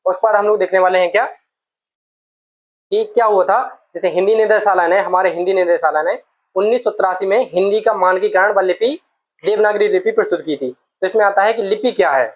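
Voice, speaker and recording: A woman's voice: medium pitch, moderate pace, low-quality recording. A woman teaching an exam-prep Hindi lesson, going through each letter patiently, repeating sounds and asking the class questions.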